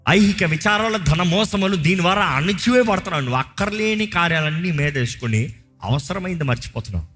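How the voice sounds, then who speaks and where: Telugu accented preacher guy, emphatic, mixes in english, soft music underneath. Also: high voice, expressive, fast talker. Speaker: pastor. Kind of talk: sermon.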